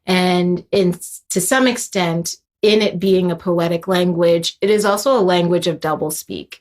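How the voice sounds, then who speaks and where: A young adult composer from Haitian heritage talks reflectively in an interview, her fairly low voice darkish and a little slow. She's thoughtful, with many fillers and restarts along the way.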